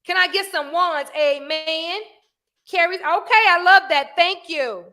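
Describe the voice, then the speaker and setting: A woman's voice: extremely high pitch, a little slow, pushed and bright. A woman hosting a live stream, talking emphatically to viewers, reading their comments and preaching a little. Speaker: livestream host.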